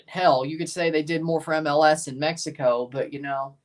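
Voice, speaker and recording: A Southern American man streams a live match watchalong, chatting casually and rambling with some mild swearing. His voice is a little high with fairly even intonation, he talks briskly, and the mic is distant.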